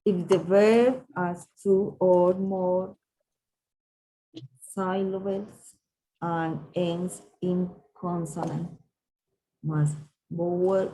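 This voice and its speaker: A woman's voice: lowish voice, fairly even intonation, extremely slow, long pauses, warm tone, slight background noise, low-quality recording. A woman, an English student who spells out words hesitantly and chats casually during her lesson.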